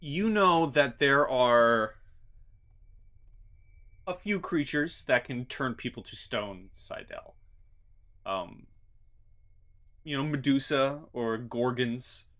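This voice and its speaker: A man running a tabletop fantasy game as game master, narrating in a halting way as he thinks aloud. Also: medium pitch, lively intonation, a bit bright.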